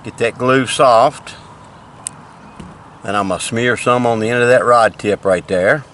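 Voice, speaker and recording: A man's voice: medium pitch, a little slow, fairly bright tone, a little hiss or hum. An older retired man, chatting casually in a folksy, plain-spoken way as he fishes and demonstrates things outdoors by a lake. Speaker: fishing vlogger.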